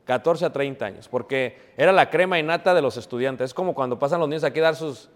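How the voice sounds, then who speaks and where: A man's voice: fairly high pitch, quick pace, long reverb tail. A man preaching a sermon in a church, asking his congregation questions, answering them himself, and calling them brothers.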